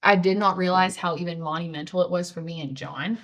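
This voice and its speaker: A woman's voice: fairly low pitch, steady tone, brisk, a bit bright. A woman co-hosting a casual podcast, making playful teasing asides. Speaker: podcast co-host.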